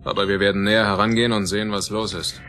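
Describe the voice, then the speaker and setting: An actor playing a bold, decisive spaceship captain with dry humour in a German radio play. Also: male voice, lowish voice, level tone, rapid-fire, noisy background, natural voice. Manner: commanding, clipped orders, wry. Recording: music bed under the dialogue.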